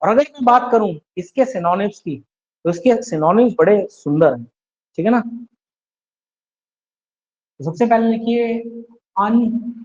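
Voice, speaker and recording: Male online tutor, high-pitched, drills words by call and response, muffled recording. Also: animated, moderate pace, pauses often, a little mellow. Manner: drills students with repeated questions and answers; mixes English words into Hindi explanations. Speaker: English vocabulary teacher. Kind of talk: online exam-prep class.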